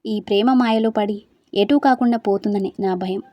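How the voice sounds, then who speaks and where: A woman's voice: medium pitch, steady tone, moderate pace, no room sound, dull audio, natural voice. A woman voicing a level-headed young woman who firmly warns her friend, in a storybook reading. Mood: firm, worried. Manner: firm, frank advice.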